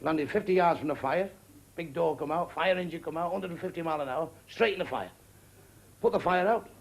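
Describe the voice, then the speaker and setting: A man's voice: on the high side, vocal fry. A man doing a crude, brash stand-up comedy routine before a live audience in a comedy venue. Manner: brash, crude joke-telling with quick quoted exchanges. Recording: noisy live room with a laughing crowd.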